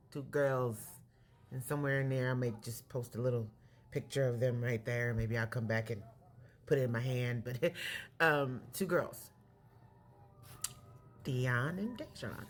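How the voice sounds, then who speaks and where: A woman in her late forties from California, candidly telling her life story in a casual vlog, pausing and correcting herself as she goes. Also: very deep voice, a little hiss or hum. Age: 40s. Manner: reflective, candid, self-correcting. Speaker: vlogger.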